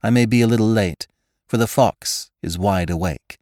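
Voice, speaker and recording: A man's voice: lowish voice, normal speed, a little mellow, no echo, clean studio sound, natural voice. A man reading aloud gives voice to a proud, imperious stage actress who gives orders in a haughty, commanding way.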